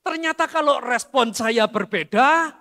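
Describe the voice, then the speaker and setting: Bright-voiced pastor preaching in a hall. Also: male voice, very high voice, expressive, a little slow. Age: middle-aged. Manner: addresses the congregation as "saudara", storytelling with humor. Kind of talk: sermon. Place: large church hall. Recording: long church hall reverb.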